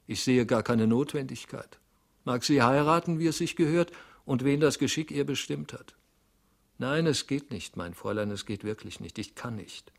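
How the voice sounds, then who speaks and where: A man's voice: mid-range voice, normal speed, creaky. A man voicing an anxious fretful clerk. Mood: indignant. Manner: hushed, worried, self-reproaching. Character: anxious fretful middle-aged male clerk. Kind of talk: audiobook reading.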